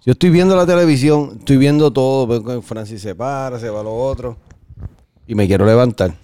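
Man, young adult, mid-pitched, slangy relaxed talk, dry sound. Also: fairly quick, no room sound. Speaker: podcast co-host. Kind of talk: casual storytelling chat.

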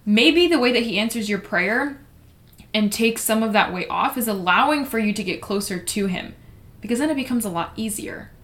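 A woman's voice: a little high, expressive, moderate pace, fairly bright tone. A woman co-hosting a casual faith discussion podcast, talking earnestly and emphatically with frequent fillers. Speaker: podcast co-host.

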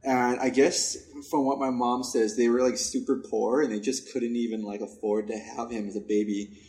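Young male co-host, mid-pitched, relaxed and easygoing, casual chat. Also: normal speed. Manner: relaxed, easy laughs, some stammering. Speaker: podcast co-host.

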